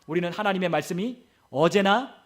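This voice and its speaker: A man's voice: high-pitched, animated, a little fast. A male pastor preaching a sermon, asking rhetorical questions and repeating phrases for emphasis, recorded in a church. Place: church sanctuary.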